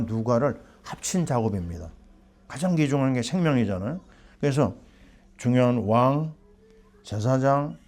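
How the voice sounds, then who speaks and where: A man's voice: medium pitch, darkish tone. A middle-aged man preaching a sermon as pastor, asking the congregation questions and answering them himself.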